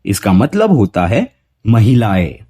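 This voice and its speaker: A man teaching English pronunciation to Hindi speakers, saying sample words one by one with deliberate, drawn-out care. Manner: drawn-out word examples with a lively rising pitch. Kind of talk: slow, deliberate pronunciation lesson.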